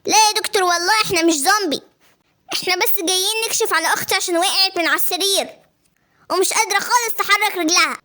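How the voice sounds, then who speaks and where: A woman's voice: very high voice, rapid-fire, bright, forceful tone. A woman with an Egyptian accent voicing a brave, protective young boy in a spoken story. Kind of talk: voiced storytelling.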